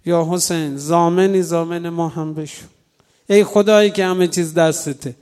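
A male preacher with a notably high voice delivers an emotional sermon. He tells a story, turns straight to his listeners, and stretches his pleading invocations out slowly and fervently. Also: fairly even intonation, darkish tone, smooth. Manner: addresses listeners directly.

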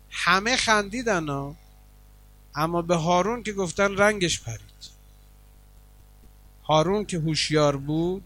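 A man preacher giving a sermon, telling a story with animation, then calmly explaining religious rules as he answers questions. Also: on the high side.

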